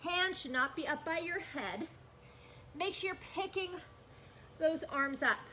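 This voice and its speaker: Bright, high-pitched woman fitness instructor. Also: a little slow, slight background noise. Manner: energetic coaching, calling out cues and counts. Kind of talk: workout instruction.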